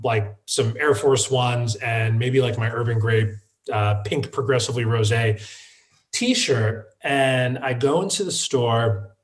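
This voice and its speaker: A man, the founder of a wine shop, telling a personal story in an interview, halting and restarting with many fillers. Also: medium pitch. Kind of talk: conversational storytelling.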